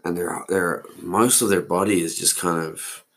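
A man's voice: low-pitched, steady tone, normal speed, creaky, husky. A man in his forties, hosting a solo podcast and musing aloud in a meandering way, often losing his thread. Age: 40s. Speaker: podcast host. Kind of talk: solo rambling monologue.

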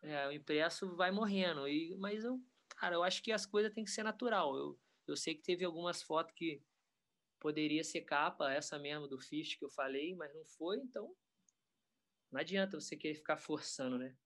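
A man, a professional skateboarder talking in a relaxed, rambling way full of slang. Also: on the high side, normal speed. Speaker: pro skateboarder guest. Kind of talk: casual interview chat.

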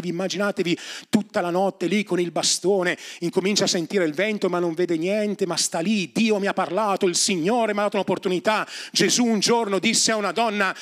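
A man preaching a sermon as pastor, moving from hushed, intimate lines to rising, emphatic refrains. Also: sits high. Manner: repetitive, building refrains. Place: church.

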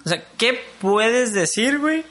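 A young man with a Mexican Spanish accent, co-hosting a podcast in slangy, animated casual chat. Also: very high voice, unhurried. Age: young adult. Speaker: podcast co-host.

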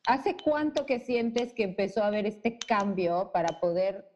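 A woman's voice: medium pitch, unhurried, a little mellow, a little hiss or hum. A woman, a podcast host, asking casual interview questions and giving brief affirming interjections. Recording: dull lo-fi sound.

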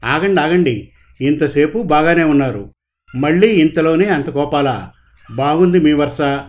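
Man reading as a calm male judge, wise and measured, unhurried delivery, slightly higher pitch, storybook reading. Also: natural voice.

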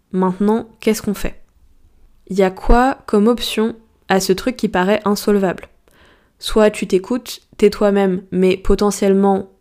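Woman podcast host and coach, mellow warm tone, informal and slangy, speaks straight to the listener. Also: medium pitch. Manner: chatty, slangy, addresses the listener directly; asks reflective coaching questions. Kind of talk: casual solo podcast talk.

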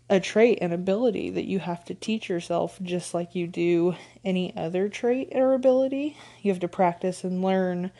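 Woman podcast host, stuffed-up nose, low-ish mellow voice, casual coaching chat full of ums. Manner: conversational, frequent ums, light laughs. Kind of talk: casual solo podcast talk.

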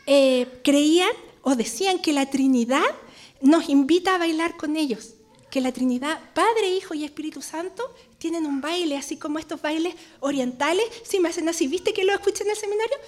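High-voiced woman teaching the Bible. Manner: conversational, checks in with listeners often. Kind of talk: Bible study sermon.

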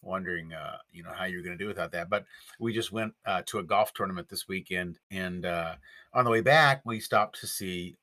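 A man's voice: sits low, a little fast, bright, forceful tone. A man co-hosting a podcast in casual chat, rambling with fillers and chuckles. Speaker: podcast co-host.

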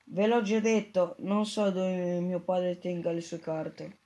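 Reader voicing a nervous rich boy, hesitant, slow delivery. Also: medium pitch, little pitch movement, dark tone, lightly acted. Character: frightened rich boy, mayor's son.

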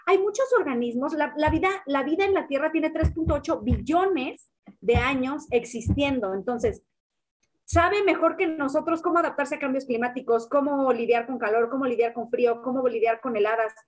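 Young Mexican woman, guest expert, lively casual delivery, a bit high-pitched. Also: moderate pace. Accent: Mexican Spanish. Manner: animated, casual slang, frequent fillers. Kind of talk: conversational explaining.

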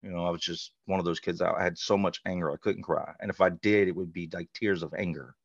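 A middle-aged man with a very low, gravelly voice tells his own story candidly, in loose everyday speech. He talks plainly and bluntly, pausing on fillers. The recording is dry and dull, slightly lo-fi. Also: steady tone, dry recording. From North Carolina, USA. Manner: blunt, conversational, frequent "like" and "you know". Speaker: podcast guest.

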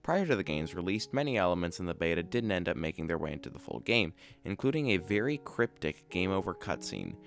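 A man's voice: low voice, sing-song, fairly quick, creaky, hardly any pauses, soft background music. A man hosting a podcast, reading scripted explainer narration about video game trivia in a dry, matter-of-fact way. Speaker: podcast host.

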